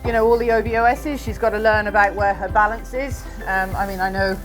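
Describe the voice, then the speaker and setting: Faint music sits behind this middle-aged woman, an event horse rider raised in Scotland, as she speaks in a filmed interview. She sounds relaxed and reflective, pausing often and using plenty of fillers, at a medium pitch.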